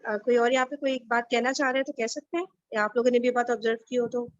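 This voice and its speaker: A woman leading an online Arabic study group, gently correcting readers and mixing in English words. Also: a little high, flat delivery, no echo, lo-fi sound. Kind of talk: casual online class discussion. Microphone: video call.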